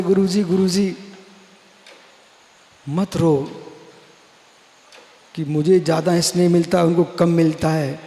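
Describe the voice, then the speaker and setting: High-voiced man preaching in an echoing hall. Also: a little mellow. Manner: dramatic, rhetorical questions, repeats phrases, addresses listeners as friend. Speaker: Jain monk preacher. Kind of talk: live religious discourse. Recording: echoey hall with long reverb.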